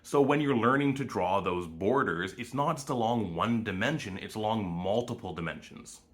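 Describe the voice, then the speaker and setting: A man's voice: lowish voice, moderate pace. A man with a Canadian accent, explaining speech sounds and demonstrating vowels in a short educational video. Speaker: language educator.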